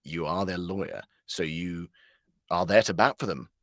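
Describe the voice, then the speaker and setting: Telling stories during an interview, a British man who works in voice acting sounds lively yet stop-start, often fixing what he just said. His voice sits low, in clean studio sound without room noise.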